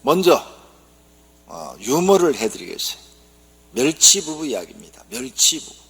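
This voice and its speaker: A male pastor opening his sermon by telling jokes in a lively storytelling manner. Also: medium pitch, breathy edge. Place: church sanctuary. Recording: long church reverb.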